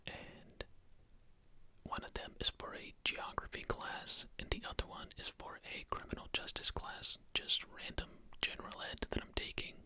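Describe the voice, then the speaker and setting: A young adult whispering a casual, unscripted ASMR ramble, softly and without voice, into a close microphone. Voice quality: unvoiced whisper. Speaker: ASMR video creator. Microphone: close Blue Yeti USB microphone.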